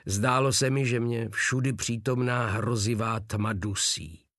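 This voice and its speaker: A man narrating a war novel as a first-person audiobook, in an even, measured reading. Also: mid-range voice, no echo, clean studio sound.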